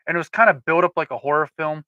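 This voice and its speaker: A man's voice: on the high side, rapid-fire, bright, forceful tone, no echo, muffled recording. A man co-hosting a casual podcast chat, telling rambling stories with frequent restarts. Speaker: podcast co-host.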